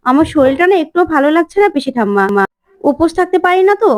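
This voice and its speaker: A woman's voice: high voice, expressive, fast talker, a little mellow, no room sound, pitched above the performer's own voice. A woman voicing a scheming, jealous young woman who speaks in a whiny, defiant way. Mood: sulky.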